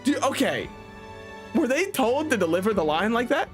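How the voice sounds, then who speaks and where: Casting: male game streamer, high voice, opinionated and jokey, chatting casually over faint music. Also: sing-song, normal speed. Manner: joking, opinionated, conversational, swears. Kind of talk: casual live-stream commentary.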